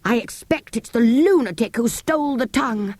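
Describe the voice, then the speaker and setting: A woman's voice: on the high side, animated, normal speed, darkish tone, no echo, voice pushed up. A woman voicing a fussy, alarmed male country vicar in an audiobook, genteel, exclaiming and commanding.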